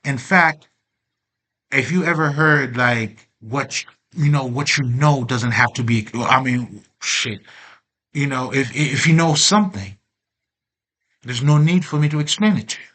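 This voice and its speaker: Man, self-help host, casual monologue, streetwise slang, frequent laughs, forceful bright voice. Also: medium pitch, a little slow. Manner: rambling, streetwise, lots of slang and fillers; laughs often, openly emotional.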